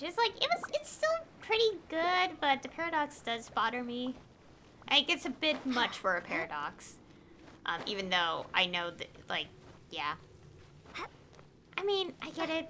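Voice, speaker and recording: Over game music, a woman streams her gameplay on a headset mic, chatting casually and thinking out loud in a rambling way. Her voice is high-pitched, and there's background noise.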